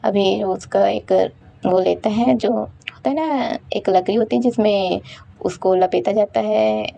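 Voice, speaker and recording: A woman's voice: mid-range voice, slow, vocal fry, dark tone. A woman casually retelling a fan story in a chatty, conversational way. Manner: chatty, conversational, fillers like 'like'.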